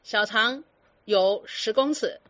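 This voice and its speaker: A woman's voice: a little high, slow, a bit bright, highs cut off. A woman giving a Buddhist dharma talk to students, firing teasing rhetorical questions and slipping in English words. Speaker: Buddhist teacher.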